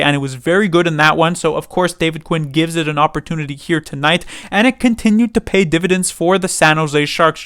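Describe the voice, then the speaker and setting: A man giving a measured, analytical review of a hockey game as the show's host. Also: fairly high pitch, a bit bright, dry recording, clean studio sound. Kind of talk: scripted-sounding game review.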